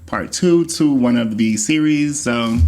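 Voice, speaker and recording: A man from the Bahamas co-hosting a podcast with his partner, chatting casually in a playful, animated way. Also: mid-range voice, measured pace, a little hiss or hum. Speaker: podcast co-host. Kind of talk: casual chat.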